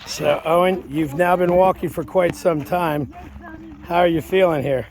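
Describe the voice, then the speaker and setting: Soft-spoken low-voiced woman behind the camera. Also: measured pace, slight background noise. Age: adult. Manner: soft-spoken, coaxing questions. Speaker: off-camera parent filming and prompting a child. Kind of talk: casual vlog questions from behind the camera. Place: outdoors on a nature walk. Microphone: camera mic, speaker off camera.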